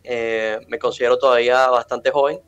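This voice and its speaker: A man, answering interview questions in a measured, formal way with many fillers. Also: medium pitch, steady tone, a bit bright, clean tone, no echo, muffled recording. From Venezuela. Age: 20s. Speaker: interview guest.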